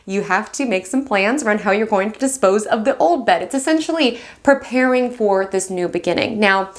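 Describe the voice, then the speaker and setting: Woman astrology host, West Coast American, fast and bubbly, warmly encouraging, mid-pitched. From United States. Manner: fast, excited, affectionate and encouraging. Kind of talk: weekly horoscope monologue.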